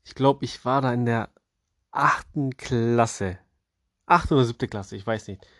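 A man's voice: mid-range voice, measured pace, fairly bright tone, dry recording, clean studio sound. A young man hosting a casual storytelling podcast, joking and slangy, with playful restarts. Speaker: podcast host.

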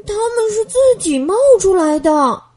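A woman voicing George, a cheerful eager young boy in a children's storybook, with a high excited delivery. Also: moderate pace.

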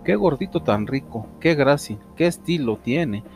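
A man's voice: on the high side, animated, measured pace, pitched above the performer's own voice. A man voicing sneering male alley cats who taunt and mock, in a storybook reading. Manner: mocking, taunting. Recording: music under the reading.

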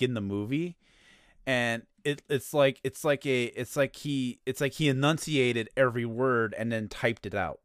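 A man hosting a casual podcast chat, speaking in a hesitant, halting way and laughing easily. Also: medium pitch, fairly bright tone, no echo, clean studio sound. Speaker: podcast host.

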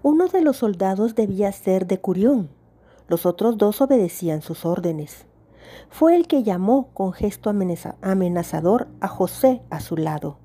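A woman narrating a story aloud in a calm, measured storytelling manner. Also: medium pitch, breathy edge. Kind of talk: audiobook story reading.

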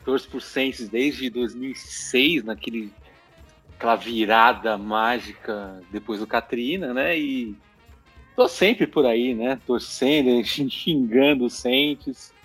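A man talks slowly and easily as a podcast guest. His voice sits in a middle pitch, with faint music behind. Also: fairly bright tone, husky. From São Paulo, Brazil. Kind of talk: casual podcast chat.

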